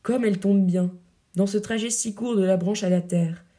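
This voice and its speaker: A woman voicing an aging male poet-soldier, proud and teasing but secretly dying, reading verse drama with a gently mocking, lyrical delivery. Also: mid-range voice, steady tone, normal speed, natural voice. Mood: wry.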